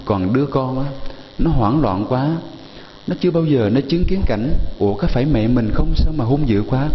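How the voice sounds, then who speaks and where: A male Buddhist monk telling a story in a sermon, gently addressing his listeners. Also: mid-range voice, in a large hall, muffled recording, a little hiss or hum.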